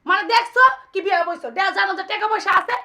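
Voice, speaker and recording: A woman playing a shrill, furious wife. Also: fast, bright, forceful tone. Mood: bitter. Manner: shrill scolding, taunting repeated questions. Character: furious first wife confronting her cheating husband. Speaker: actor in a comedy skit. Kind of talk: amateur comic drama acting.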